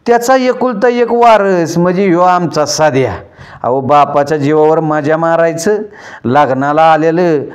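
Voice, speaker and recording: A man's voice: on the high side, clear, resonant tone. A man telling a folk story in a wry, self-mocking way, calling out to his listeners.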